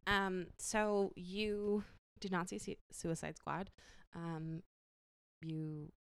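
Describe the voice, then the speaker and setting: A woman's voice: on the low side, little pitch movement, extremely slow, clean tone, no echo. A woman co-hosting a casual movie chat, chatty, with many fillers and restarts. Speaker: podcast co-host.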